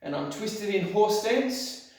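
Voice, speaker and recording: A man's voice: sits high, expressive, slow. A male karate instructor explaining techniques in a martial arts lesson. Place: echoey indoor room, voice some distance from the mic. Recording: very echoey hall, distant mic.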